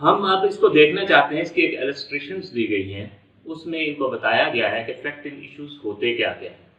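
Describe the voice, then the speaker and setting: This law lecturer, a man with a Pakistani accent, speaks briskly in a slightly high, expressive voice that comes across pushed and bright. He explains step by step, repeats and rephrases, and weaves in English legal terms, picked up by a distant, dull mic in a reverberant room.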